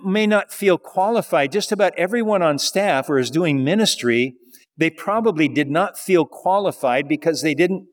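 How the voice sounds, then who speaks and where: A man's voice: fairly high pitch, in a large hall. A male pastor preaching a sermon in a conversational style, with rhetorical questions.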